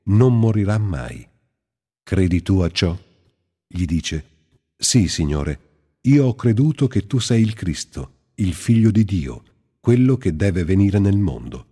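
A man giving a slow, measured, reverent scripture reading. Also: deep voice, mellow, breathy edge. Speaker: Bible reader. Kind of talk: solemn scripted Bible reading. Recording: long hall reverb.

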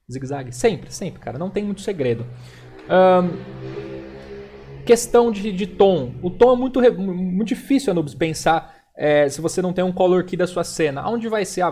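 A man's voice: fairly high pitch, darkish tone, breathy edge. A young man from Brazil teaching digital painting on a live stream, casual and chatty, pointing things out as he draws. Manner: casual and chatty, repeats "ó" while demonstrating. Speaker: digital illustration instructor.

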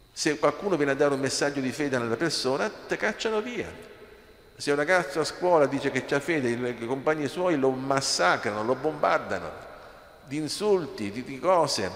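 A man's voice: medium pitch, a bit bright. A man, a priest, preaching an impassioned sermon in a church, firing rhetorical questions at the congregation. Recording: echoey church with long reverb.

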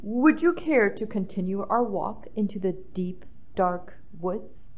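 A scheming gentleman fox from a children's storybook, acted out by a woman. He is suave and overly polite, drawing out his invitations slowly with plenty of swing in the voice. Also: medium pitch, lively intonation, pitched below the performer's own voice. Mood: sly, inviting. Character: sly, courtly male fox villain, inviting and scheming. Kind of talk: children's storybook read-aloud.

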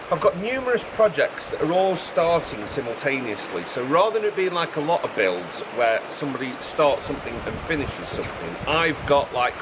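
A middle-aged man, talking casually to camera in a raised, projected voice as he explains a project. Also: medium pitch. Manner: chatty, raised voice projected over background noise. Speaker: vlogger presenting a build project. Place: outdoors beside a fast-flowing river. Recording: outdoor recording with rushing river noise.

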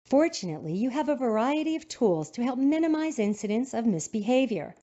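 A woman narrates a teacher-training video in a calm, instructive voice. Her intonation moves a lot, and her tone is mellow. The recording sounds dull and lo-fi. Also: a little high, a little fast. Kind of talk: scripted narration.

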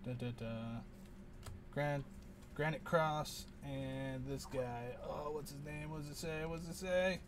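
A man with a fairly high voice gives casual unboxing commentary at an unhurried pace. He rambles, mutters to himself and trails off when unsure of a name. A faint background hum runs underneath. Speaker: channel host opening card packs.

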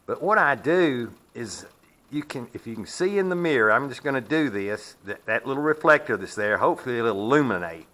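Lively in intonation, brisk, and bright with a forceful edge, a man with a mid-range voice shows off his own sawmill in a metal shed. His hands-on explanation is folksy and down-to-earth, and at times he wanders away from the camera.

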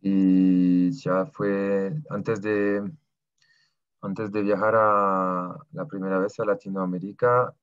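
This is a young Spanish learner from southern France, French his mother tongue, taking interview questions on a video call from a small room at home. His voice is low, smooth and level in tone, with no room sound, yet his answers come haltingly with many pauses as he gropes for words. The laptop webcam gives dull, lo-fi audio.

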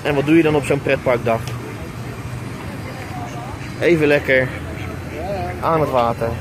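Vlogging casually through a crowded outdoor theme park, a man in his thirties with a Dutch accent talks a little slowly in a medium-pitched voice, using lots of fillers. He holds an action camera at arm's length, and the recording picks up background noise with music clearly audible behind.

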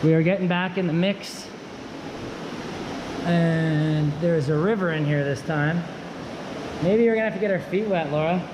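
A man narrating casually and excitedly into a handheld camera while wading through a limestone cave, his voice echoing off the cave walls. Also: a little high. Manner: excited, awed running commentary while wading. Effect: cave echo. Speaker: vlogger. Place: inside a limestone cave with a river running through. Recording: roomy cave echo, dull sound, rushing water noise.

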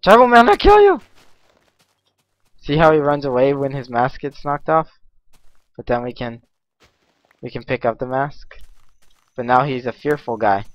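A man giving casual let's-play commentary, chatty and easily excited, yelping and laughing at mishaps. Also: mid-range voice, normal speed, long pauses, no echo, dull audio. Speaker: gaming commentator.

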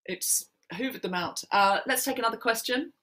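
A woman hosting a live Q&A over a video call, chatty and joking with quick asides. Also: fairly high pitch, fairly bright tone, a little hiss or hum. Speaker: podcast host.

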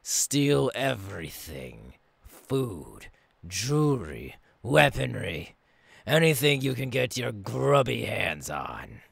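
A man playing a menacing, gleefully cruel clown pirate captain in an ASMR role-play, with a raspy, theatrical drawl that swings between hushed threats and barks. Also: mid-range voice, big pitch swings, takes it slowly, no room sound, exaggerated voice. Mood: gleefully commanding. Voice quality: raspy, gravelly.

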